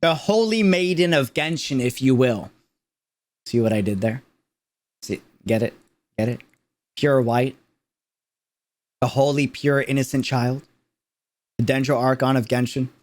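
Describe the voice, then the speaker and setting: A streamer reacts to a game character trailer in his mid-range voice, speaking a little slowly and pausing often. His casual livestream reaction is emphatic and slangy, and he repeats phrases to drive them home.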